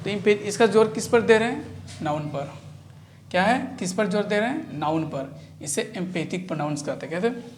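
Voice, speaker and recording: A woman's voice: mid-range voice, animated, a little hiss or hum. A woman teaching English grammar in a classroom style, repeating each point and answering her own questions. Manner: repetitive, answers own questions, drawn-out words.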